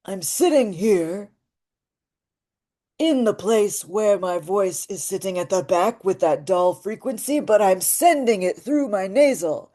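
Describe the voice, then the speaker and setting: A woman's voice: mid-range voice, animated, unhurried, dark tone. A woman voicing a wise old male elder, mixing a dull, throaty tone with a nasal one. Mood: demonstrating.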